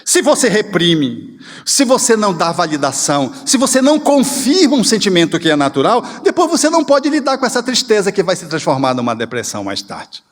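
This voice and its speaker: A man giving a spiritual lecture in an animated, expressive way, acting out little scenes. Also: high-pitched, fairly quick. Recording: reverberant hall.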